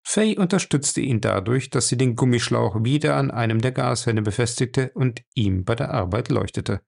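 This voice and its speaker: A man narrating an audiobook in a steady, even reading voice. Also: mid-range voice, normal speed, creaky.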